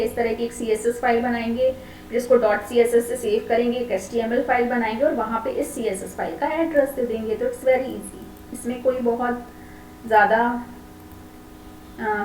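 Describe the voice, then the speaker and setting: Woman teacher going over a lesson, kinda high voice, mixes in english, keeps checking students follow. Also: steady tone, moderate pace, darkish tone. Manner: explanatory, mixes Hindi with English phrases, often checks with "ठीक है". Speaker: computer teacher. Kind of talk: classroom lesson explaining CSS. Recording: echoey room, voice from a distance, faint hum.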